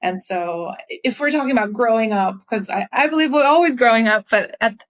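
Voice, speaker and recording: A woman's voice: fairly high pitch, lively intonation, fairly quick. Reflective woman guest on a podcast. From Belgium and the U.S. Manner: reflective, laughs lightly. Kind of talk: casual podcast interview.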